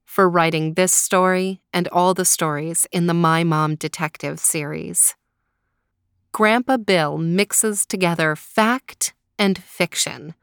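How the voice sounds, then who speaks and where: Slow, gentle woman reading a story. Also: fairly low pitch, clear, resonant tone, no echo, clean studio sound. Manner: calm, gentle, drawn-out reading. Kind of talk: reading a children's story aloud.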